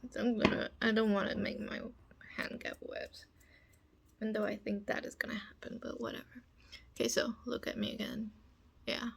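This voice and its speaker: A young woman voicing a bossy, teasing female roommate in a whispered role-play, speaking softly close to the mic. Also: mid-range voice, level tone, moderate pace, vocal fry, a little hiss or hum. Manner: teasing, commanding, soft whispering. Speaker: ASMR performer.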